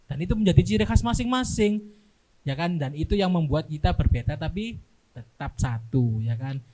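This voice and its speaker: A young man speaking as a guest on a casual podcast, explaining slowly and often checking in with "right?" tag questions. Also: on the high side, lively intonation, mellow. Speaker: guest, dorm security staff.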